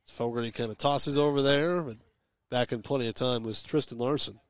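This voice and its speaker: A man calling live high school baseball on the radio from a ballpark press box, giving steady pitch-by-pitch calls with chatty, folksy asides. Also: brisk, dry recording. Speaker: play-by-play radio announcer. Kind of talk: live radio sports commentary.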